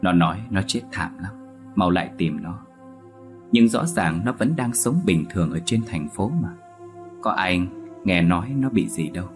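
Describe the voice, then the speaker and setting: A man narrating a ghost story in a slow, somber storytelling tone. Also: low-pitched, sing-song, faint music behind.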